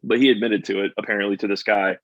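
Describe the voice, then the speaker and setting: A man's voice: on the low side, little pitch movement, fast talker, a bit bright, no echo, highs cut off. A man from the United States chatting casually with a friend on a call, rambling with lots of "like" and "you know". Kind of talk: casual chat.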